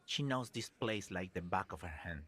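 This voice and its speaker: Brief: streamer as a low, sneering dockworker in a video game. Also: male voice, lively intonation, normal speed, a bit bright. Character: sneering male dockworker, mocking.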